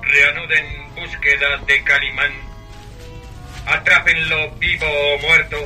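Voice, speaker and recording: An actor voicing a cold, commanding electronic computer in a radio drama, with a clangy metallic robot voice and flat, clipped commands. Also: male voice, on the high side, takes it slowly, faint music behind, full character voice, poor audio. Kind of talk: vintage radio drama acting.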